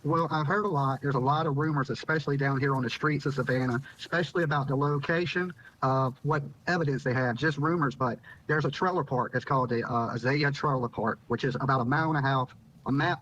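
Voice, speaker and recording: A YouTuber from Virginia, United States, appears as a news guest in an informal live interview, recounting events in a medium-pitched, fairly bright voice at a slightly fast pace. He repeats phrases as he talks, and the remote link sounds dull and lo-fi.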